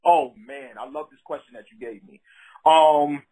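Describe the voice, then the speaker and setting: A man with a Brooklyn accent and a husky voice, a rapper talking casually in an interview in slangy, streetwise, emphatic phrases. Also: a little high, steady tone, normal speed, warm tone, rough recording. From Brooklyn, New York City.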